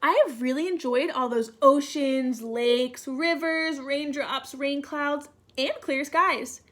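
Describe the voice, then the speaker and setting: A woman's voice: high-pitched, slow, a bit bright. A woman voicing a short, overworked, weary blue crayon from a children's storybook, polite and plaintive. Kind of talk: children's storybook read-aloud.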